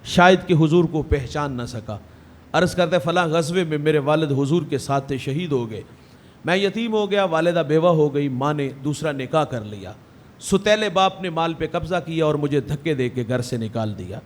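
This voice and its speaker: A man's voice: fairly high pitch, lively intonation. A man preaching a sermon, telling stories with emotive, rhythmic delivery and acting out quoted voices. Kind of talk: Urdu religious sermon with storytelling.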